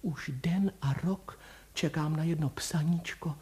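A man voicing a pale, lovesick young woman who speaks softly in a half-whisper. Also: mid-range voice, sing-song, slightly rough. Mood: sorrowful. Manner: soft, half-whispered sighing speech.

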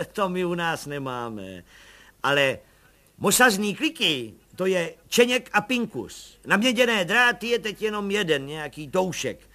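A man voicing a humble, chatty little police agent who talks in eager, deferential, high-pitched bursts. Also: very animated, sharp tone, exaggerated voice. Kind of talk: audiobook character voice.

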